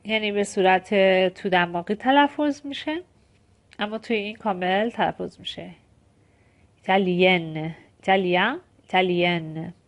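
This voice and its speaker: A Persian-speaking woman teaching a French grammar lesson at a middle pitch. She explains each rule step by step and reads the French examples slowly and deliberately, with clear stress on each word. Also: lively intonation.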